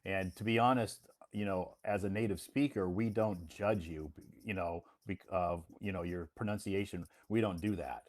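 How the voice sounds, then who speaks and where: A low-voiced American man, an English teacher and host, leads a casual conversation lesson. He's relaxed and reassuring, repeats himself often, and speaks at a moderate pace with few pauses.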